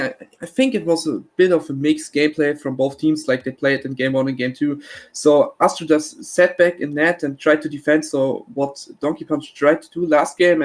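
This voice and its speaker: A man giving color commentary on a live esports match, analysing plays in a halting way. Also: a little high, steady tone, poor audio. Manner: halting, analytical, many fillers and restarts.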